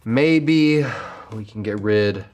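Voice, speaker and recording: A man's voice: on the low side, slow pace, darkish tone, a little hiss or hum. An actor playing a goofy, easily tempted young man in a kids' comedy, hamming it up with theatrical sighs. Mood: whiny comic. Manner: theatrical, swooping sighs and hams. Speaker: comic kids' show character. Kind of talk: scripted kids' comedy acting.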